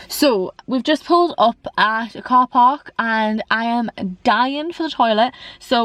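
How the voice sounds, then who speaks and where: A woman's voice: a little high, poor audio. A young woman, chatting casually on a vlog while out on a hill walk, rambling with lots of fillers. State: slightly out of breath. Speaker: vlogger.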